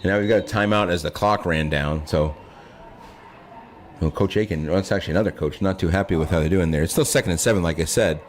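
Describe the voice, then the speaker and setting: A man giving conversational live play-by-play of a high school football game, as its announcer. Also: fast talker. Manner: conversational, corrects himself aloud. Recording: noisy live outdoor field broadcast.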